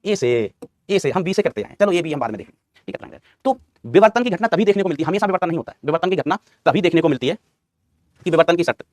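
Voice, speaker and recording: A man's voice: fairly high pitch, animated, very fast, dry recording, clean studio sound. A male physics teacher giving a classroom lecture, quizzing his students, answering his own questions and repeating key terms, calling them son and brother.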